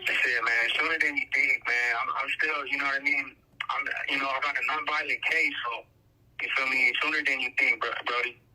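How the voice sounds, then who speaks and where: A young man answering interview questions over a prison phone call, halting and searching for words, often asking "you know what I mean.". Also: medium pitch, fairly even intonation, sharp tone. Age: young adult. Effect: calling in over a prison phone. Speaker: incarcerated rapper being interviewed. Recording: noisy phone line with clicks.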